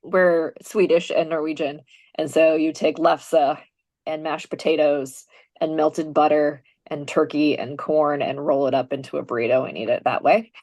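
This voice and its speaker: A woman pastor from North Dakota with a low voice, chatting casually as a podcast guest. She leans on "like" a lot, and the sound is dry and close. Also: steady tone, moderate pace, darkish tone, no room sound. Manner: chatty, filler "like". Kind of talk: casual panel chat.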